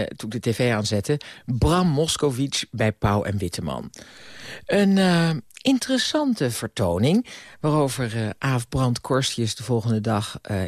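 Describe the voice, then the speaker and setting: Dutch male radio presenter, conversational and hesitant, lively pitch. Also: dry recording, studio quality. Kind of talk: casual radio chat and reading.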